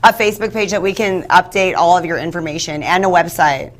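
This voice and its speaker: A woman's voice: on the low side, fairly even intonation, a little fast. A woman hosting an interview over a video call, giving short prompts and steering back on topic. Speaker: host. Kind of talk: interviewing a guest.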